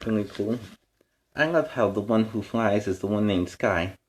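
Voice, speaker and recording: A man with a lowish voice hosts a children's story time in a superhero persona, reading aloud at a normal speed. He adds playful asides that explain words and lessons to his young listeners.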